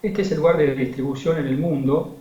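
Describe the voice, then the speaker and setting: A man with an Argentine accent giving a technical presentation over a video call, measured and full of hesitant fillers. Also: fairly high pitch, warm tone. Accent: Argentine Spanish. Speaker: agronomy researcher. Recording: muffled video call in a roomy space.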